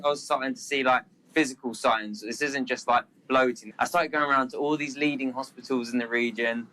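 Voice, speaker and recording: Man guest, bright voice, earnest and plain-spoken. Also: medium pitch, rough recording. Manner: earnest, with a lot of "like". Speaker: guest, sales director. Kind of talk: casual interview storytelling.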